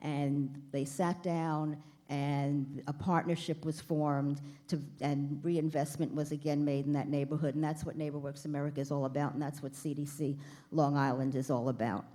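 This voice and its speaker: A woman's voice: low voice, little pitch movement, moderate pace, warm tone. A woman in her fifties giving a chatty, self-deprecating speech at a gala, speaking to the crowd from a podium. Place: banquet hall.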